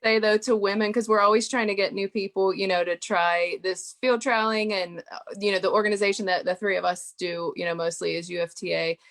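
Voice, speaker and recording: A woman's voice: mid-range voice, fairly even intonation, a little fast, fairly bright tone. A woman guest on an interview show, telling stories in a chatty way with many "you know" fillers. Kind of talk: casual podcast interview.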